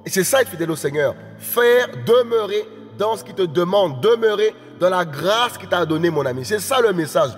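A man preaching an evangelical sermon, often asking his listeners if they understand, dropping low and soft at phrase ends and rising to impassioned shouts. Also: animated, moderate pace, few pauses, big-room sound, faint music behind. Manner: repeats "tu comprends?" often, drops low and quiet at phrase ends; rises to impassioned high shouts, speaking in tongues.

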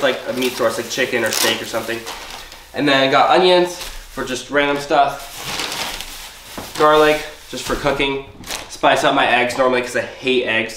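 A young man with a congested, stuffy voice, chatting through a grocery haul in a casual vlog. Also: medium pitch. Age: young adult. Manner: chatty, upbeat, explains item by item. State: congested, sick. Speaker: vlogger. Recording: roomy, distant, noisy home recording.

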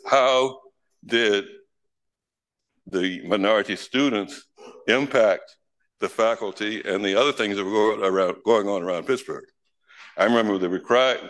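A man presenting to an audience in a lecture room, laying out questions in a measured way at a podium. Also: on the low side, fairly bright tone. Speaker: event organizer, moderator.

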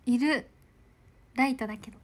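A young woman idol chatting casually on a livestream, bubbly and giggly, soft-spoken as she reads out viewer comments. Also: sits high, normal speed, slightly rough.

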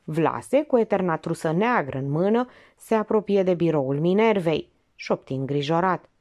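A woman narrating an audiobook in an expressive, lively reading. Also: on the low side.

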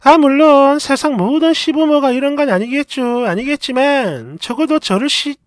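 A woman narrating a dramatized story in an indignant, expressive way. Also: sits high, normal speed, dry recording, clean studio sound.

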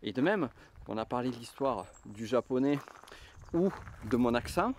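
A middle-aged man from the southwest of France speaks with a southwestern French accent, his voice sitting at an ordinary mid-range pitch. He coaches the listener through a reflective explanation, often hesitating and starting his sentences over as he thinks aloud. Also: lively intonation, moderate pace, darkish tone. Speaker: enneagram coach and trainer. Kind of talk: reflective teaching monologue.

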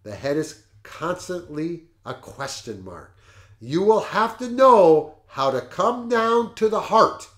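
A middle-aged man hosting a show, reading passages from a book aloud and commenting on them in a lively way. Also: sits high, slow. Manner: animated, laughs at the jokes he reads. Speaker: podcast host.

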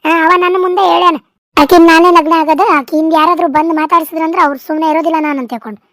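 A woman voicing an angry village mother who shouts accusations in a North Karnataka Kannada accent for a cartoon. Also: very high-pitched, steady tone, racing, dry recording, studio quality. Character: furious loud village mother defending her son. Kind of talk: cartoon dub acting.

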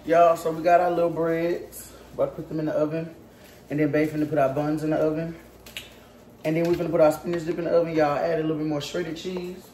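In her home kitchen, a young woman chats and teases her viewers on a casual cooking vlog, her arm growing tired as she mixes. She speaks fast in a low, warm voice with a flat delivery. The recording is echoey, with background noise.

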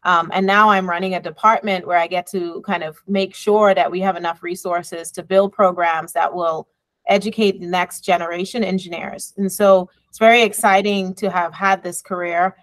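Her voice is lowish, fairly even in intonation and fairly bright, captured dry through a laptop webcam on a video call. She is a middle-aged woman from the Bahamas, an engineering professor and department chair, reflecting in a measured conference talk from her office with bookshelves and a window, with many ums and you knows.

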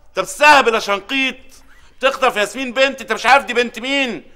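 A man's voice: high voice, pushed and bright. An actor playing a frantic, hot-tempered father whose daughter was kidnapped, scolding in exasperation with an Egyptian Arabic accent. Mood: angry. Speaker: sitcom character. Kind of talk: sitcom acting.

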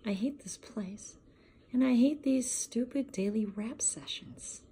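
A woman's voice: a little high, a little slow, dark tone, breathy edge, pitched above the performer's own voice. A middle-aged woman playing a bitter, defiant, miserable woman in drug rehab in a dramatic monologue, sullen and sarcastic, at times dropping toward a whisper. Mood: angry, miserable. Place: small plain room indoors. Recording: noisy room recording.

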